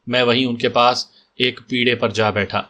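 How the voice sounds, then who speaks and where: A man reading a detective story aloud as narrator in a calm, steady way. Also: mid-range voice. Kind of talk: scripted audiobook narration.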